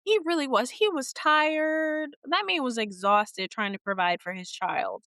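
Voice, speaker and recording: A woman's voice: high voice, expressive, unhurried, pushed and bright, dry recording. A young woman co-hosting a podcast, chatting casually and agreeing eagerly with enthusiasm. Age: young adult. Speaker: podcast co-host. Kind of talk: casual chat.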